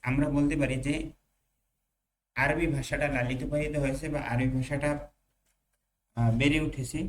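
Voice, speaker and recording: A young man teaching an Arabic class, reading Arabic slowly and then explaining it with pauses and fillers. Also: mid-range voice, fairly even intonation, rough recording. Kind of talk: online class lecture, explaining Arabic text in Bengali.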